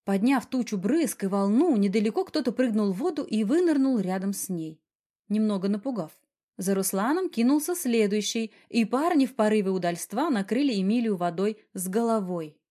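A woman narrating a novel in an even storytelling manner. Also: medium pitch, normal speed. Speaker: audiobook narrator. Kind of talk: scripted narration.

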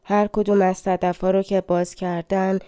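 A woman narrating an audiobook of fairy tales in a gentle, colloquial telling style. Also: mid-range voice, little pitch movement, smooth, no room sound. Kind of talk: storytelling narration.

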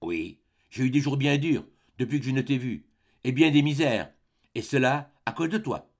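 A man's voice: mid-range voice, lively intonation, normal speed, lightly acted. A man reading the lines of a worn-down, proud woman who was once a beauty, in an earnest, plain-spoken way. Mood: bitter.

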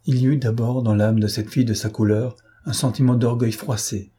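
A man reads a classic novel aloud in a measured, expressive way. His voice is mellow and dark, with a husky grain, at a middle pitch. The delivery is steady literary narration. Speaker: audiobook narrator.

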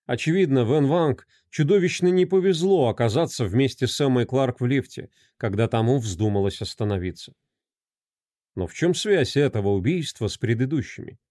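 A man narrating a crime novel as an audiobook, with expressive storytelling. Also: medium pitch, no echo, studio quality.

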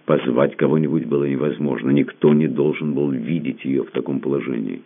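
A man narrating a literary audiobook in a dramatic, expressive reading. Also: very deep voice, a little fast, vocal fry. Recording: narrow phone-like band.

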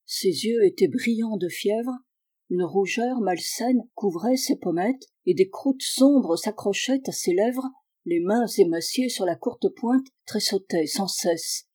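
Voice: medium pitch, slow, dark tone. Une voix adulte qui lit un roman policier classique à voix haute, d'un ton posé et régulier. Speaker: audiobook reader. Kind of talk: scripted narration.

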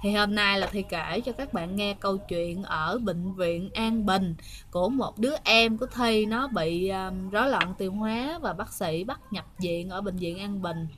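A woman's voice: medium pitch, moderate pace, fairly bright tone. A woman with a Southern Vietnamese accent telling ghost stories to her viewers in a chatty, hesitant way, often turning to address the listeners. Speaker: ghost story host. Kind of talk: casual spoken storytelling to viewers.

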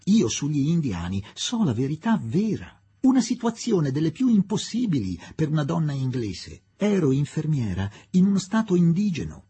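A man voicing a silly, chatty English lady, a former nurse, who lectures dogmatically in a husky voice. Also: on the high side, very animated, moderate pace, few pauses, warm tone, pitched above the performer's own voice, heavily acted. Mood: lecturing.

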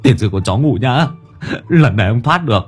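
A man's voice: lively intonation, brisk, slightly rough, soft background music. A man voicing a fat, clumsy, cowardly young man who curses crudely and yelps in panic. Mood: cursing. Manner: shrill panicky yelps and cursing.

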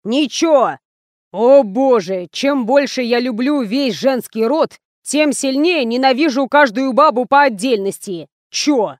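A loud, explosive little man bellows orders and insults at his crew, drawn-out and bullying, as a woman narrator puts him on. The voice sits high and the recording is dry and close. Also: dry recording. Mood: yelling. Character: fat little bossy male ad producer.

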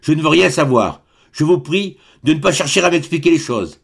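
Old aristocratic baron, stern and proud, imperious and indignant; male narrator puts him on, pitched up with a gravelly edge. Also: animated, moderate pace. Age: older.

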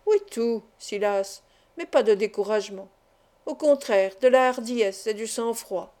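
An impudent gambler drawls with cool, ironic confidence, as a woman reads him aloud. The voice sits a little high yet sounds soft and mellow. It is a calm storybook reading. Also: a little slow. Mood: coaxing. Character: impudent ironic male gambler, middle-aged.

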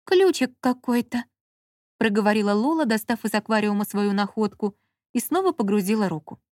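Woman, audiobook narration, measured, dry close sound. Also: medium pitch, a little mellow, no echo.

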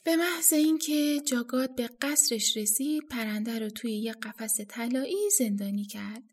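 Female audiobook narrator, high voice, calm expressive storybook reading.

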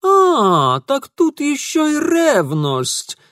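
A man voicing an indignant, self-righteous young man who scolds loudly and with contempt in an audiobook. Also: very high voice, huge pitch swings, very slow, no room sound, studio quality, voice pushed up, exaggerated voice. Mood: accusing.

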